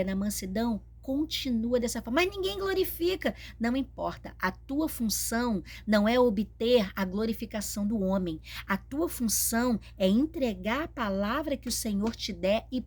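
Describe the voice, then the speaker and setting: A woman's voice: fairly high pitch, darkish tone. A woman with a Brazilian Portuguese accent, preaching and teaching in an emphatic, repetitive style. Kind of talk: sermon-style teaching video.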